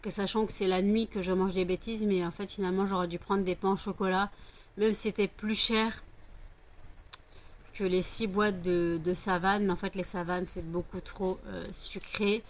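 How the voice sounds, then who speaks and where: A woman's voice: mid-range voice, level tone, normal speed. A woman from France chatting casually in a vlog, rambling with many fillers and cooing baby talk to her dogs between remarks. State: sleepy and hot. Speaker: vlogger.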